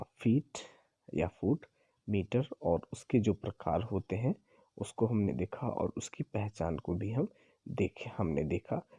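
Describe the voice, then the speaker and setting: A man teaching an exam-prep lesson, explaining slowly and repeating himself as he corrects his own slips. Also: on the low side, dark tone, slightly rough, no room sound. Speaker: English teacher.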